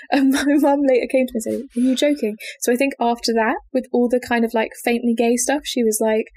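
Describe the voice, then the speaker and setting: A woman's voice: on the high side, steady tone, a little fast, darkish tone. A young woman co-hosting a casual chat, telling stories and laughing often. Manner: chatty, laughs often, acts out quoted family members. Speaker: podcast co-host.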